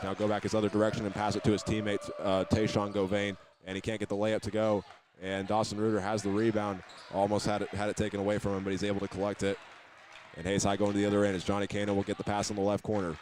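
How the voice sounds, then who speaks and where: A lowish-voiced American man does live play-by-play for a basketball game against a noisy background, describing each move in present tense as it unfolds.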